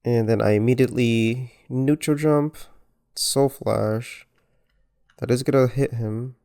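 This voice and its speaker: A man with a medium-pitched, dark-toned voice calmly and carefully commentates a replay of his own fighting game match, muttering self-critical asides. Music plays in the background.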